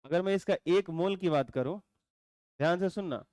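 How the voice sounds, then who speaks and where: Male teacher, clear resonant voice, repeats and quizzes students. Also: sits high, darkish tone, no echo. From India. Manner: explains slowly and repeats, asks students questions. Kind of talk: classroom chemistry lecture.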